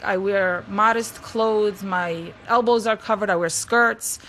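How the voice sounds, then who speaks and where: A woman, speaking carefully and deliberately in an interview. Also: mid-range voice. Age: 20s. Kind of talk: interview statement.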